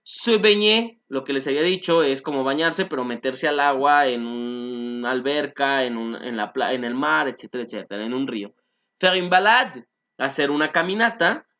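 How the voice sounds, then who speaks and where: Bright-voiced man teaching French. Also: mid-range voice, lively intonation, muffled recording. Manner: explains slowly, repeats French phrases and translates them; frequent "este" fillers, asks "¿no?" and "¿sí?". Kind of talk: online language lesson.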